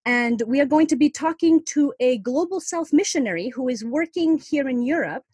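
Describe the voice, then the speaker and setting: A woman's voice: high voice, a little mellow, slightly rough, no echo. A woman from Iceland, hosting an interview with friendly, curious questions. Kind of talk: casual interview chat.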